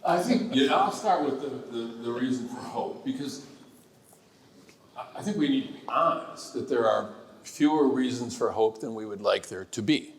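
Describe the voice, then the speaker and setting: A man on a panel, speaking in a measured, frank way with some restarts. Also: medium pitch, lively intonation, slight background noise. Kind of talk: panel discussion. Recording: echoey hall with long reverb.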